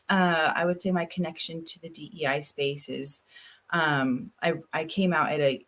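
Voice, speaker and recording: A woman on a panel introducing her corporate diversity work, talking with frequent hesitant fillers. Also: sits low. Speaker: corporate DEI lead. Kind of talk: panel discussion.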